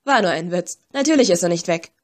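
A woman's voice: on the low side, expressive, a little fast, a little mellow, lightly acted. A woman voicing a sly, mocking male talking skull in an audiobook, with a teasing, taunting manner. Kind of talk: audiobook character voice.

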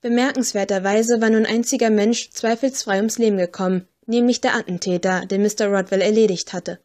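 Woman, audiobook narrator, measured storytelling, mid pitch. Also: steady tone, a little mellow. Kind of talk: scripted first-person narration.

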